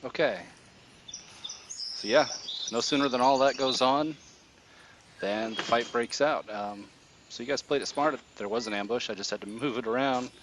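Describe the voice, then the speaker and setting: A man running a tabletop game as game master, narrating casually and explaining things in a halting way. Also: mid-range voice. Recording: nature ambience noise behind voice.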